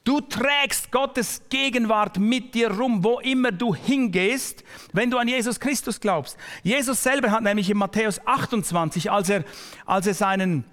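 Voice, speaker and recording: Recorded in a large hall, a male pastor delivers a sermon with a high voice and a fairly bright tone. He speaks to the listener directly and personally, often slowing down and falling nearly to a whisper to emphasize points.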